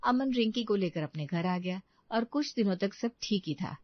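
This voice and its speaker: A woman narrating a cartoon story in a plain, steady delivery. Her mid-range voice comes across dry and slightly dull, as in a lo-fi studio take. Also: medium pitch, normal speed, no echo. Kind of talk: scripted narration.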